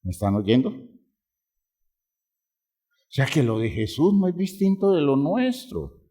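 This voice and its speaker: A man's voice: medium pitch, very animated, a little slow, dark tone, slight background noise. A man preaching a sermon as a pastor, drawing out phrases for emphasis and asking the congregation rhetorical questions.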